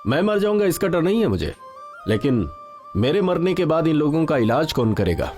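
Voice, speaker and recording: A calm, resigned doctor. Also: male voice, on the high side, moderate pace. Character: calm middle-aged doctor, resigned and cautious. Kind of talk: Hindi dubbed action film. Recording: film dub with background music.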